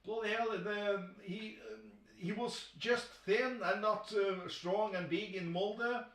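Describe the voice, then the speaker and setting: A man hosting a football chat stream. He talks excitably, swears often, and restarts his sentences a lot. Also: high voice, slow, echoey room, distant mic, rough recording. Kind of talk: live football commentary chat.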